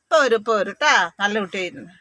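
A woman's voice: mid-range voice, expressive, rapid-fire, no echo, poor audio. A woman, vlogging on a phone at a veterinary hospital and coaxing her dog in sing-song baby talk. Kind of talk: casual pet-talk vlog. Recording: loud background noise, dogs and traffic.

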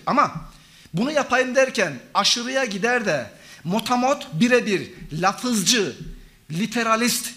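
High bright-voiced man giving a lecture. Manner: lecturing, addresses audience as friends, lists synonyms. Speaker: conference speaker, professor. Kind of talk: academic conference talk. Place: conference hall.

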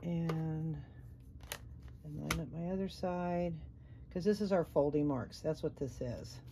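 Slow, chatty woman teaching sewing. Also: low voice, mellow, slight background noise. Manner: chatty, encouraging, thinks aloud while working. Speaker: sewing instructor. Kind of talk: casual sewing tutorial.

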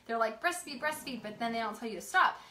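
Talking fast in a high, pushed, bright voice with a steady tone, a young vlogger chats and laughs with her viewers at home while a toddler is close by. She retells stories using quoted voices, recorded in an echoey room with a faint background hum.

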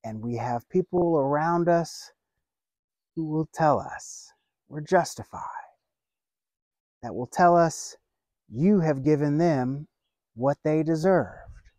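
An earnest outdoor sermon comes from a pastor in his thirties seated by a lake, who speaks slowly, pauses at length, and builds his points in measured phrases. His voice is fairly high, mellow and warm, recorded close and dry on a lapel mic.

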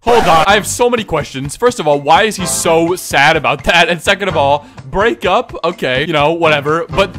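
A man's voice: on the high side, animated, moderate pace, hardly any pauses, a bit bright. A young man doing comedic commentary on posts, sarcastic and mock-serious, often laughing. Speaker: YouTube commentator. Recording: music bed under the voice.

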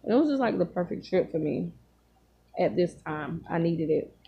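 A woman in her thirties telling casual stories while she eats, talking with her mouth full and pausing to chew, recorded on a phone in a room at home. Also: fairly low pitch, lively intonation, creaky, husky, highs cut off. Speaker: vlogger. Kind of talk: casual storytelling while eating. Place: small home room, indoors. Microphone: phone at arm's length.

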